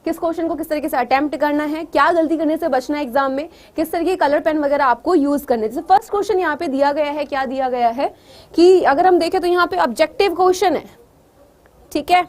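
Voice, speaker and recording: A woman's voice: sits high, fast talker, darkish tone. A woman teacher explaining exam preparation to students, coaxing and often asking if they follow, mixing in English words. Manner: coaxing, repeatedly checks students understand.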